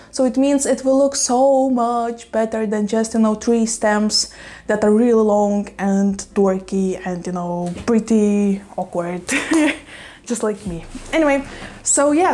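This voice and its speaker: A woman with a strong Russian accent talking casually to the camera at home about her rescued houseplants, chatty and quick to laugh. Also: on the high side, a little mellow. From Lithuania. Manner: chatty, laughs often, says "you know" a lot. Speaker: plant vlogger. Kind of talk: casual vlog chat. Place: home room with plants.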